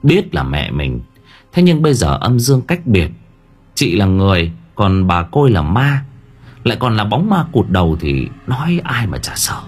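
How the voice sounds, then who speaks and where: A man's voice: fairly low pitch, wildly swooping pitch, normal speed, slightly rough. A man narrating a horror story in a dramatic storytelling manner. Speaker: audiobook narrator. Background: faint background music.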